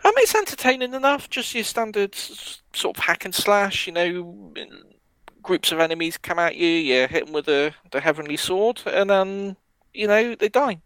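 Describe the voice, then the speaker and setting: Casting: male podcast co-host, rambling and hesitant, fairly high voice. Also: lively intonation, moderate pace, a bit bright, dry recording, low-quality recording. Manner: rambling, hesitant, many ums and restarts. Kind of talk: casual chat about video games.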